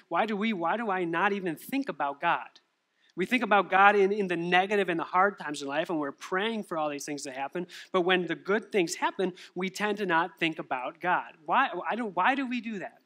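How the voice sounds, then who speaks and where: Bright-voiced young male pastor preaching. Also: high voice, fairly quick. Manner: animated storytelling with rhetorical questions. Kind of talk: sermon.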